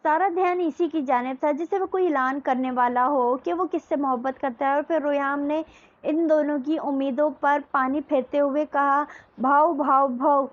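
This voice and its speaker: A woman reads a romance novel aloud with steady storytelling. Her voice is high. The recording sounds dull and lo-fi. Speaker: narrator.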